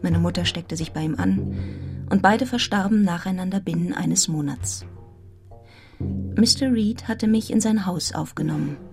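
A woman's voice: medium pitch, close to an everyday voice. An actress narrating a literary audio drama as a grown woman reflectively recounting a grim orphan childhood.

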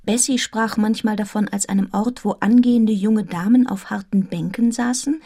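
A woman's voice: mid-range voice, steady tone, moderate pace, dark tone, lightly acted. An actress narrating a literary audio drama as a grown woman reflectively recounting a grim orphan childhood. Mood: reflective, sombre.

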